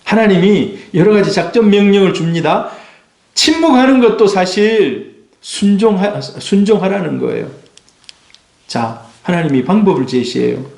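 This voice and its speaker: A man's voice: sits high, animated, moderate pace, gravelly, darkish tone. A man preaching a sermon as a pastor, emphatic and full of rhetorical questions to his congregation. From South Korea. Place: church sanctuary. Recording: echoey church hall.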